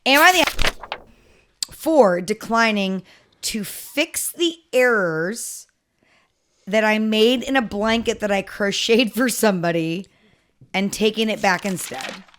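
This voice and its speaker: A woman's voice: medium pitch, slow, a bit bright. Chatty woman reading stories aloud. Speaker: podcast co-host reading stories. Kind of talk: casual podcast chat.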